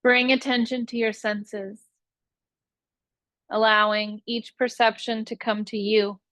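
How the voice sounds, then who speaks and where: A woman's voice: fairly high pitch, flat delivery, a bit bright, no echo. Woman guiding meditation, very dry close sound. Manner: slow, soothing, unhurried instruction with long pauses. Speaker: yoga nidra meditation teacher. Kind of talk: guided relaxation meditation.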